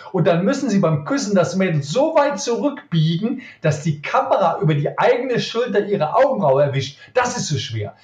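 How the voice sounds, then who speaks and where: A middle-aged magician from Cologne with a Cologne accent, answering interview questions emphatically and tagging points with quick questions. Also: male voice, fairly high pitch. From Cologne, Germany. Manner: emphatic, lively, frequent "ja?" tag questions. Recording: roomy, dull lo-fi sound.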